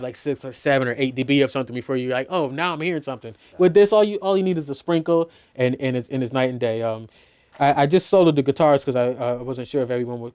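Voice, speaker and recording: In a studio, a middle-aged man teaches his mixing process in a smooth, slightly mellow, medium-pitched voice. His talk is casual and loose, sprinkled with "you know" and false starts.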